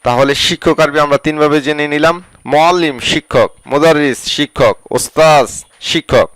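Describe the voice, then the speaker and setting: A man teaching a word-by-word language lesson, slowly repeating each word and its meaning. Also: on the high side, fairly bright tone, no echo, poor audio. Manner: slow, repetitive drilling of words and their meanings.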